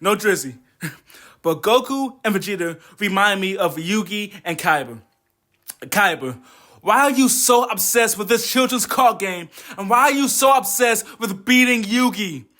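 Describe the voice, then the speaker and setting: A man's voice: high voice, animated, moderate pace, bright, forceful tone. A man doing a comedic anime commentary rant, exasperated, profane and mocking. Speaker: video essayist.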